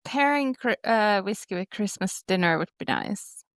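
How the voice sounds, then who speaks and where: A woman's voice: medium pitch, animated, moderate pace, no room sound, studio quality. A woman co-hosting a podcast over a remote call, chatting casually, rambling and correcting herself with laughs. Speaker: podcast co-host. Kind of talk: casual chat.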